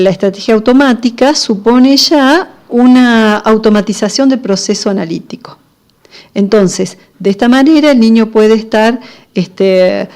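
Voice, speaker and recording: A woman giving a lecture on literacy, explaining step by step with frequent fillers and pauses. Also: mid-range voice, warm tone.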